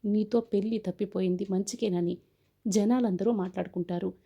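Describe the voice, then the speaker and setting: A woman reading a stern angry father, husky voice. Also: medium pitch, fairly even intonation, moderate pace, warm tone, dull audio. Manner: stern, threatening. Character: angry proud father of the bride.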